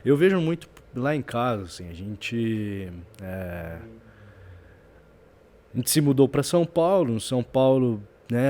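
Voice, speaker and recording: A man speaking in a relaxed podcast chat, at a middle pitch. He thinks aloud and pauses often. His sentences trail and restart. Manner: reflective, halting with fillers. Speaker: business owner and father. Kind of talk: casual podcast conversation.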